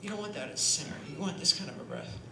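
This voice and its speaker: A woman's voice: on the low side, racing, vocal fry. Chatty woman singer, echoey hall. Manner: chatty and demonstrative, asks "right?" constantly, laughs often. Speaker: singer and voice teacher. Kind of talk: panel talk with a breathing demonstration. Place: performance hall. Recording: echoey hall with steady noise.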